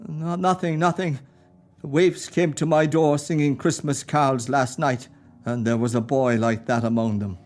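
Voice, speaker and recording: A man's voice: mid-range voice, fairly even intonation, moderate pace, a little mellow, lightly acted. A man acting an old miser, Ebenezer Scrooge, in a radio play, with a quavering, stammering delivery. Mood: wistful. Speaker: amateur radio play actor.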